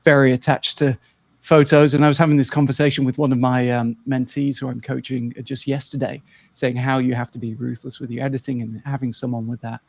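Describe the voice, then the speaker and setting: A man's voice: medium pitch, little pitch movement, brisk, gravelly, darkish tone, no room sound. A man hosting a podcast interview, a photographer himself, speaking in a conversational, encouraging way as he leads the questions.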